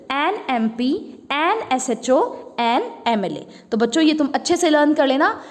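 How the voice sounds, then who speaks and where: A woman with an Indian accent teaching English grammar to children, explaining each rule slowly and repeating words so they can be practised. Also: high-pitched, big-room sound. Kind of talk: classroom lesson.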